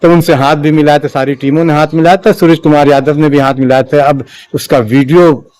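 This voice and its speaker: A man giving a spoken opinion commentary in a measured, halting way, with frequent restarts and fillers. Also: on the high side, little pitch movement, a little mellow. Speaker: political commentator.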